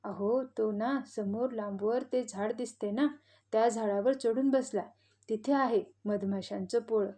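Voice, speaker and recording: A woman's voice: on the high side, steady tone, a little slow, dark tone, natural voice. Woman doing a cheeky clever little rabbit. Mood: eager. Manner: cheeky, teasing. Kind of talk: children's audio story.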